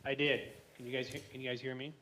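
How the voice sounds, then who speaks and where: A man's voice: mid-range voice, little pitch movement, quick pace, bright, forceful tone. Man on a clipped, breaking-up call line. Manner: matter-of-fact, technical explanation. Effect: clipped, breaking-up remote call line. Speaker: traffic consultant. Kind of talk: remote testimony at a public meeting. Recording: echoey remote call audio.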